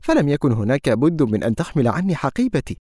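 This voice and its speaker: A man's voice: fairly high pitch, very animated, fast talker, dark tone, dry recording, studio quality. A man reading an audiobook, voicing a guarded, teasing young woman with a mocking manner. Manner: sarcastic, mocking.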